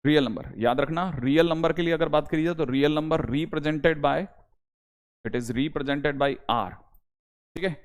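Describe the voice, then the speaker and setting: Emphatic male math teacher, higher-pitched. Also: measured pace. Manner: emphatic, repeats key points, coaxing students. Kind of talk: online class lecture.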